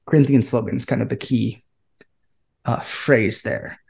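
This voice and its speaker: A man's voice: medium pitch, unhurried, creaky, darkish tone. Man explaining scholarly ideas conversationally. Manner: professorial, checks in with "right?" and "okay?". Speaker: guest scholar. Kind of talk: explaining to a group on a podcast.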